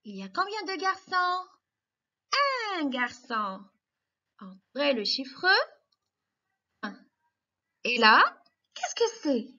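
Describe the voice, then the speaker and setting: A woman teacher giving slow, clear lessons to young children, patient and encouraging as she spells out each step. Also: sits high, very animated, pushed and bright, highs cut off.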